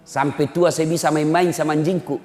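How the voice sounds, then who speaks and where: A man's voice: a little high, fairly even intonation, brisk, a little mellow, lightly acted. A man voicing a childless, dog-owning adult who bluntly explains his choice. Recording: echoey hall.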